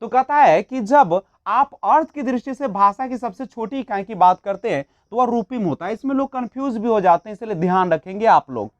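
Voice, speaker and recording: A woman with a slightly high, expressive voice speaks fairly quickly and with few pauses in an exam-prep lecture on child development for a teaching exam. She asks questions and answers them herself, mixing English terms into Hindi. The recording is dry, with the highs cut off.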